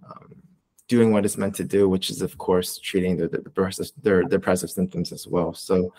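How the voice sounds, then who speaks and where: A young Canadian man who works as a research coordinator answers interview questions casually, rambling with lots of fillers and restarts. His voice is low and dark, steady in tone, at a moderate pace.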